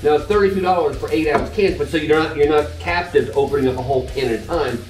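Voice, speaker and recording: A man in a casual roundtable beer review who calmly explains his views. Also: on the high side, fast, roomy sound, recorded from a distance, soft background music.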